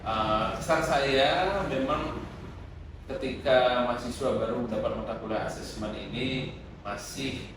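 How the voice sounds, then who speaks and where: A middle-aged man, a guest lecturer, giving calm advice to students in a podcast interview, with many hesitant fillers. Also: mid-range voice, measured pace. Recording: echoey room, far from the mic, noisy.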